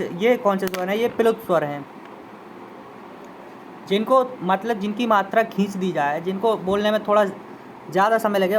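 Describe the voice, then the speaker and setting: A man's voice: high voice, slight background noise, rough recording. Male Hindi teacher sounding out vowels. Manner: repeats terms and sounds out example vowels; addresses students directly, invites them to try. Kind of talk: classroom lesson explanation.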